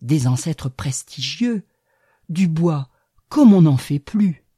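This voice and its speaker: A woman voicing an old, proud oak tree in an audiobook, speaking slowly and emphatically. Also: deep voice, expressive, dark tone, breathy edge, no room sound, studio quality, heavily acted. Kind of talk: audiobook reading.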